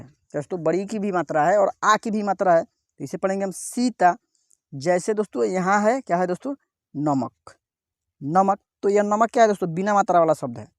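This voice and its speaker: A male teacher giving a step-by-step reading lesson, sounding out each syllable slowly and repeatedly asking his viewers "what, friends?". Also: high voice, no echo, clean studio sound.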